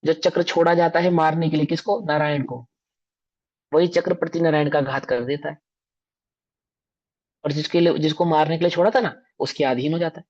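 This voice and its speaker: A man's voice: a little high, steady tone, normal speed, pauses often, a little mellow. A man giving a religious discourse as a scripture teacher, emphatic and full of rhetorical questions to his listeners. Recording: dull lo-fi recording.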